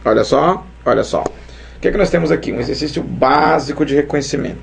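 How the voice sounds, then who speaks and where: A man teaching a grammar lesson at a whiteboard, lively and chatty, often checking in with his students. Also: a little high, brisk, vocal fry, faint music behind.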